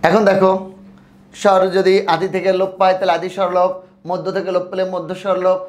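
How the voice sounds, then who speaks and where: A man teaching an exam-prep lesson, speaking slowly and repeating words so his students can follow. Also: sits high, level tone.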